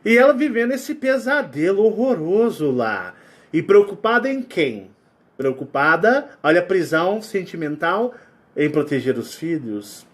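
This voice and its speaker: A man with a Brazilian Portuguese accent leads a casual spiritual talk in a high-pitched voice. His delivery swings widely, acting out sounds and voices as he explains. He is sweating as he speaks. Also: measured pace. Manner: animated, acts out sounds and quotes. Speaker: spiritual channel host.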